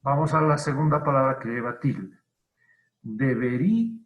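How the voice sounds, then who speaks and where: A male teacher giving an online grammar lesson, who explains deliberately, repeats key terms and asks and answers his own questions. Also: mid-range voice. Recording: roomy, dull lo-fi online class audio.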